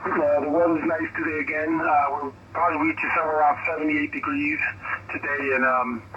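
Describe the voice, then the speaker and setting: An American man talks over a crackly two-way radio, his fairly high voice muffled and set in plain static. He chats casually in operator jargon, folksy and a little hesitant as he goes. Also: flat delivery, fairly quick, far from the mic. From United States. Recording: crackly, noisy, muffled shortwave radio signal.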